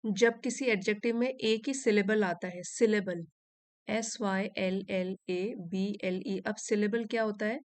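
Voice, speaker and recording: A woman who teaches English, reading a passage slowly in careful phrases and explaining it in Hindi. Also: mid-range voice, no echo. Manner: reads English lines slowly and deliberately, then translates and explains.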